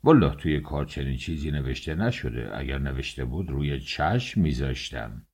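A man voicing a middle-aged male office chief in an audiobook, speaking in a soft, soothing, patronizing way. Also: a bass voice, lively intonation, slightly rough, pitched below the performer's own voice, exaggerated voice. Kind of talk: audiobook character voice.

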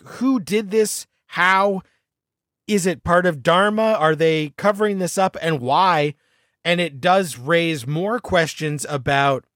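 A man co-hosting a casual TV recap chat, talking with eager, animated enthusiasm. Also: fairly high pitch, no room sound, studio quality. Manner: enthusiastic, animated fan talk. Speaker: podcast co-host.

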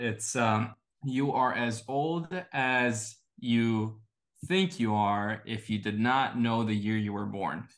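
A man in his twenties from Estonia, an e-commerce entrepreneur appearing as a guest, answers interview questions casually and often says "you know." His voice sits on the low side with a fairly bright tone.

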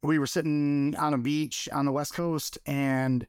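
Guy from michigan on a podcast, kinda high smooth voice, lots of ums and restarts, dry close mic. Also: level tone, measured pace, a little mellow, no room sound. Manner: hesitant, many fillers and restarts, laughs easily. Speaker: podcast guest, photographer. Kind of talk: casual interview chat.

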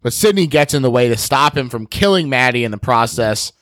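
A man hosting a podcast, briskly summarizing a film plot with jokes in casual chat. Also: medium pitch, animated, fairly bright tone, no room sound, clean studio sound. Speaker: podcast host.

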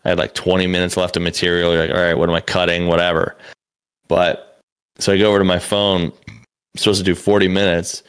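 Speaking quickly in a low voice with little pitch movement and a clean tone, a young man rambles through a story. He's a comedian and podcast co-host, and his telling is profane, packed with "like" and frequent restarts.

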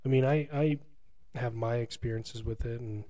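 A man's voice: mid-range voice, fairly even intonation, moderate pace, dark tone. A man co-hosting a casual chat, asking short questions and teasing his friend.

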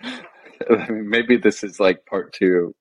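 Deep-voiced deadpan man. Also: slow, slightly rough. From Midwest. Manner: monotone, deadpan, many fillers. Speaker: podcast guest. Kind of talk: casual podcast chat.

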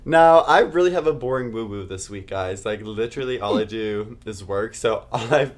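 Campy, gushing young man co-hosting. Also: fairly low pitch. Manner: campy, gushing, slangy, drawn-out words. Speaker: podcast co-host. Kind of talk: casual chat.

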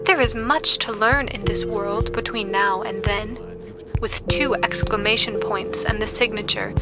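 A woman as an audiobook narrator, reading a story in a steady, even voice. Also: medium pitch, a little slow, loud music behind the voice, lightly acted. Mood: narrating.

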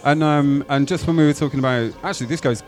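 A man's voice: a little high, fast, darkish tone. A man hosting a casual, chatty studio interview. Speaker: interview host. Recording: faint music behind the voice.

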